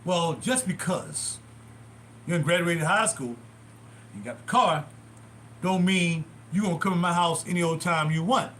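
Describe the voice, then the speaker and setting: A man's voice: a little high, a little slow, long pauses, a bit bright, slight background noise. A man quoting his stern older father, who is scolding him for coming home late.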